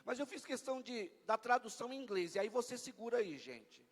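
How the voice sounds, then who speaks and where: Brazilian pastor guy, high voice, joking with the church crowd mid sermon, big hall echo. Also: expressive, fairly quick. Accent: Brazilian Portuguese. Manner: playful, bantering with the congregation. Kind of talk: lively Easter sermon. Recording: long church hall reverb.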